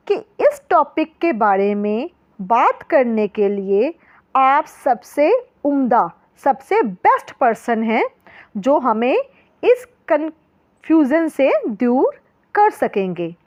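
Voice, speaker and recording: A woman narrating a moral story, reading each line slowly and then explaining it in Hindi. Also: high voice, sing-song, a little mellow, no room sound. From India. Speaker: storyteller and English teacher.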